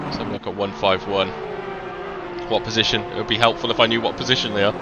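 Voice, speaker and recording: A man's voice: lowish voice, little pitch movement, fast talker, highs cut off, heavy background noise. A man with a faint Welsh accent doing live sim racing commentary, chatty, with lots of ums and self-corrections. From Wales.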